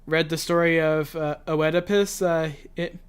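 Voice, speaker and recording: A man's voice: fairly high pitch, fairly even intonation, unhurried, clear, resonant tone. A man hosting a casual reaction chat, explaining background at length with frequent fillers and restarts. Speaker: reaction show host.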